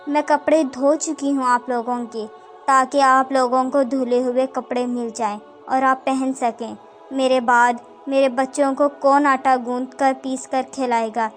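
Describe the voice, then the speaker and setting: A woman reading the lines of a dying young mother who speaks gently and tearfully. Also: sits high, flat delivery, soft background music, lightly acted. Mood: tender, tearful.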